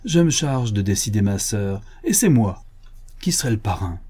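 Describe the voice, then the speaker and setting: A man reading an audiobook, voicing a cheerful, generous young prince with a brisk, kindly commanding manner. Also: lowish voice, sing-song, dark tone, breathy edge. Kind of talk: audiobook character voice.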